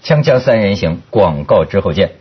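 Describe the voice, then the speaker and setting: Husky chatty talk-show host. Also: male voice, low-pitched, big pitch swings, moderate pace, lo-fi sound. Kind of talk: casual panel chat.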